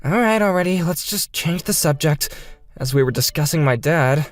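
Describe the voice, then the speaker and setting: A woman with a low, animated voice narrates in first person as an earnest, bewildered fifth-grade boy in a scripted manga dub. She speaks at normal speed with a resigned mood, and faint music plays behind her.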